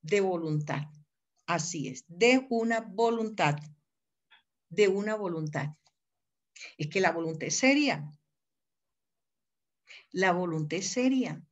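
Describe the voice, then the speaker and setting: A woman's voice: on the low side, expressive, slow pace, long pauses. A woman with a Colombian accent giving a live university law lecture, emphatic and digressive, calling on students by name and spelling words out.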